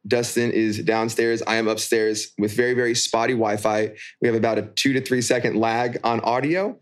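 Upbeat man co-hosting a casual podcast. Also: mid-range voice. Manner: upbeat, informal, addressing listeners as guys. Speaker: podcast co-host. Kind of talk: casual chat. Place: holiday rental, remote call over spotty Wi-Fi.

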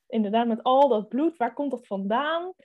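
A woman's voice: on the high side, expressive, normal speed, phone-quality sound. A young woman co-hosting a book podcast, reading a thriller excerpt aloud and chatting casually about it, thinking aloud with hesitant fillers.

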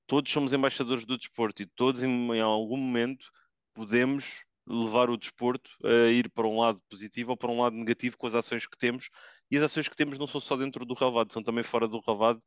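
Male podcast host, European Portuguese accent, fast casual talk, crisp voice in a dry space. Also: mid-range voice, flat delivery, no room sound. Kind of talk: casual chat.

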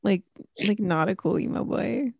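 A relaxed woman co-host in casual chat, wry and teasing. The sound is dry and close, with no room around it. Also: medium pitch, normal speed, vocal fry, husky, dry recording, muffled recording. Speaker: podcast co-host.

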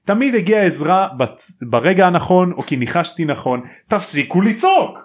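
A man's voice: high-pitched, big pitch swings, voice pushed up. A man voicing a modest, flustered teenage boy wizard who protests in a raised voice. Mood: protesting.

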